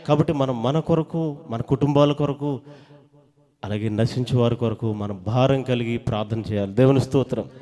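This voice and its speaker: A man preaching a sermon in a church hall. He quizzes his listeners and coaxes answers out of them. He swings between loud calls of praise and soft talk. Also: mid-range voice. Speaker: lay preacher. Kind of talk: sermon to a congregation.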